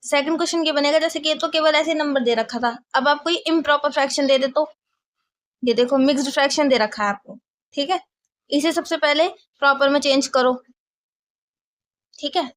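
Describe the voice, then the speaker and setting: A woman's voice: high-pitched, a little fast, long pauses. A woman teaching a maths lesson, explaining step by step and often asking if the class follows.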